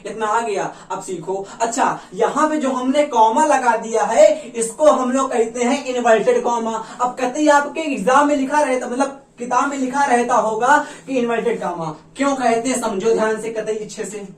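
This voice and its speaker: A woman's voice: a little high, normal speed. A woman English teacher giving a classroom lecture, repeating points and coaxing her students, calling them "child". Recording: echoey room, mic far off.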